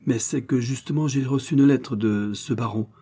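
A man's voice: mid-range voice, moderate pace, mellow, husky. A man voicing a resentful, grumbling police chief who answers his superior deferentially in a storybook reading.

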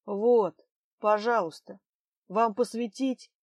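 A smug construction boss brushes people off with a sneer, raised and loud, as a woman reads him. Dry, close audiobook sound. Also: medium pitch, fairly even intonation, slow pace, no room sound. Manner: sneering, dismissive.

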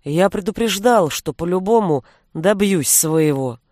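A woman's voice: fairly low pitch, animated, a little slow, a little mellow, slight background noise. A woman reading an audiobook, voicing a stern old man, a grandfather and sorcerer, with a dry, commanding manner. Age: older.

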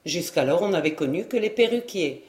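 A woman's voice: lowish voice, expressive, a little fast, a little mellow. Woman reading a novel aloud, roomy. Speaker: audiobook narrator. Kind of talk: scripted narration of a classic novel.

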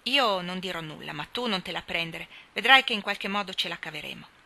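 Dan, a rough tough boy, read by a woman. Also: fairly low pitch, lively intonation, a little fast, bright, forceful tone. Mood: gruff. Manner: rough, blunt. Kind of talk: audiobook character reading.

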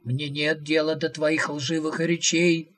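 A man's voice: on the high side, little pitch movement, slow, a bit bright. A man voicing a stubborn, mocking male prophet who talks in a dismissive, scornful way.

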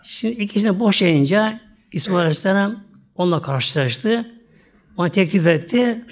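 A male preacher telling a religious story in a talk, speaking to his listeners directly, closing his phrases with soft trailing tags, and voicing the characters' lines himself. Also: sits high, expressive, normal speed. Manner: acts out characters' quoted lines in his own voice.

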